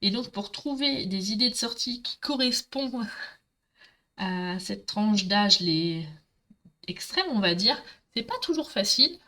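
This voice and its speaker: Animated and bright, her forceful voice holds a medium pitch at a measured pace. The speaker, a middle-aged woman from Marseille by her accent, chatters to viewers directly during a live craft demonstration.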